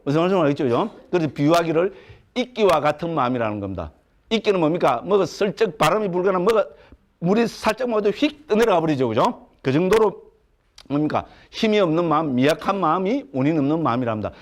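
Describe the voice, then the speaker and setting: Lively high-pitched monk lecturing. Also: male voice. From Gyeongsang, South Korea. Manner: keeps asking the class rhetorical questions; humorous, plain-spoken, lively. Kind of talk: Buddhist doctrine lecture to a class. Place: lecture hall at a Buddhist education center.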